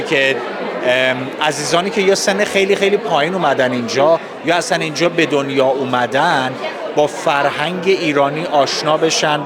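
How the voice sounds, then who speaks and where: Courteous Iranian Persian man amid loud crowd. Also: fairly high pitch. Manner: courteous, formal, halting delivery. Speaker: festival organizer interviewee. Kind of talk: interview answers. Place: public festival space with crowd. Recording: busy crowd noise, outdoor public event.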